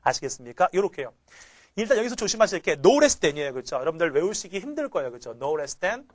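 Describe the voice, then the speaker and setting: A man's voice: a little high, sing-song, fast, dry recording. A man teaching English grammar in a recorded lecture, asking rhetorical questions and chanting phrases for his students to memorize. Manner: keeps asking rhetorical questions and tags "그렇죠?"; drills phrases by chanting them.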